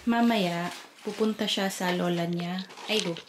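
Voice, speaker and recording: A woman's voice: lowish voice, steady tone, a little slow, background noise. A young woman from the Philippines, a mother, chatting casually and teasing herself as she films her weekend at home. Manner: chatty, mixes Tagalog and English, self-teasing. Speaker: vlogger, mother. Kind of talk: casual home vlog chat. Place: home kitchen and rooms.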